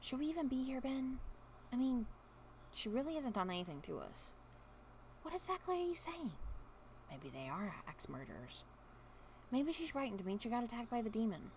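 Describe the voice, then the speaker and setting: A woman's voice: on the high side, big pitch swings, normal speed, long pauses, darkish tone, slight background noise, voice pushed up. A woman reading a storybook voices a skeptical teenage boy twin who speaks in casual, questioning talk. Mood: doubtful.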